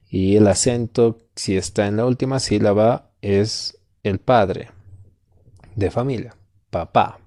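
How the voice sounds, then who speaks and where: Patient Latin American Spanish tutor, mellow. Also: male voice, lowish voice, gravelly, no room sound, clean studio sound. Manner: patient, repeats words for learners. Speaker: Spanish tutor and podcast host. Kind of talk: slow, clear teaching podcast.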